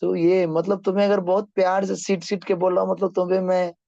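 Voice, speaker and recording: Male maths teacher, north Indian Hindi speaker, fairly high pitch, brisk and pushy with students, dull dry classroom recording. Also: level tone, vocal fry, warm tone, no echo. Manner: brisk, urging students to hurry.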